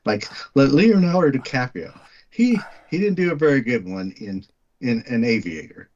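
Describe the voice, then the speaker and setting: A man's voice: mid-range voice, very animated, normal speed, darkish tone, lo-fi sound, slight background noise. A man with a West Texas twang chatting casually about film, emphatically stating his opinions and rephrasing his points. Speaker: movie podcast co-host.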